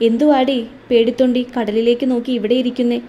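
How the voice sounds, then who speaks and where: A woman's voice: on the high side, fairly even intonation, quick pace, warm tone, muffled recording, a little hiss or hum, lightly acted. A woman voicing a young man who teases and needles his wife but turns affectionate. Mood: teasing. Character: teasing young man, caring elder-brother type.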